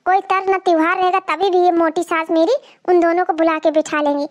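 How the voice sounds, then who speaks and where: A woman's voice: very high voice, level tone, fairly quick. A woman voicing a flustered young new daughter-in-law in a cartoon comedy, fretting and exasperated as she speaks to viewers. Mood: fretful. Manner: fretful, exasperated, talks to viewers.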